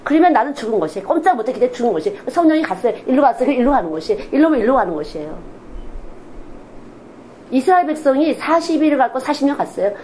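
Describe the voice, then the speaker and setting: A woman's voice: sits high, racing, a little hiss or hum, low-quality recording. A woman missionary preaching a Sunday sermon in a candid, confessional way, often acting out quoted speech. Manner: animated, acts out quoted speech in different voices.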